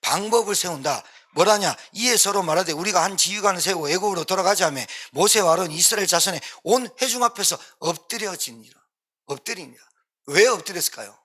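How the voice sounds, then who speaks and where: A man preaching with a bright, husky voice that sits high for a male speaker. He drives his points home by repeating them and acting out pleading lines. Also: expressive, brisk. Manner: emphatic, repeats points for stress, acts out quoted pleas. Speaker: pastor. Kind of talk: sermon.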